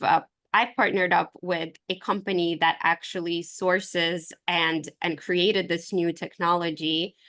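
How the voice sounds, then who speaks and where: On an online video call with screen share, a woman from Ukraine pitches her herbal supplement line in an informal, enthusiastic, conversational business presentation. Her voice is on the low side with a fairly bright tone.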